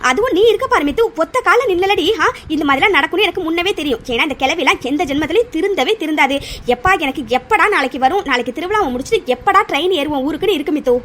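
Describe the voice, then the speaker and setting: Cartoon sidekick: woman voicing a fiery young friend, high and fast, always scolding. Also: lively intonation, sharp tone. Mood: angry ranting. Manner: rapid ranting, teasing and scolding. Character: chatty, hot-tempered young woman, loyal best friend.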